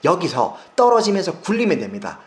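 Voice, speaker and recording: A man's voice: high-pitched, wildly swooping pitch, brisk. A man from South Korea, in his forties, teaching English pronunciation in a video lesson, repeating sounds for drills with emphasis.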